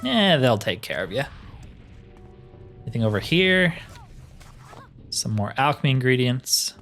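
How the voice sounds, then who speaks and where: A male gaming host narrates a casual solo playthrough, thinking aloud in a wry, relaxed way with game music behind him. His medium-pitched, slightly bright voice swings widely in pitch, and his pace is measured.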